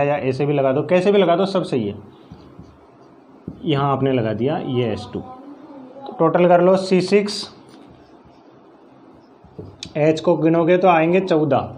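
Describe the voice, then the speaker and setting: Higher-voiced male teacher explaining step by step. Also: a little mellow, a little hiss or hum. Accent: Rajasthani Hindi. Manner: explains step by step, counts aloud, asks and answers himself. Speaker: science teacher. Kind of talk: classroom chemistry lesson.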